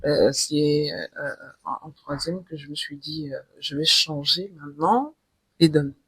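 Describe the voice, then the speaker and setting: A woman from Cameroon, a guest author, telling her story in a relaxed interview, animated and repeating words as she searches for them. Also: low-pitched, unhurried, husky, dry recording. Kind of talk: casual conversational interview.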